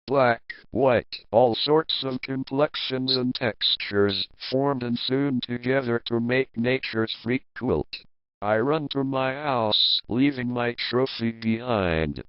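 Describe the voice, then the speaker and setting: Slow, smooth-voiced man narrating horror. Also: medium pitch, dry recording, dull audio. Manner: slow, measured storytelling.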